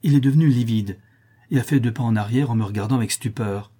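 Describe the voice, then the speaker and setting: A man's voice: mid-range voice, fast talker, mellow, slightly rough, lightly acted. A man reading the lines of an older male counselor in an audiobook, earnest and emphatic. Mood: fervent.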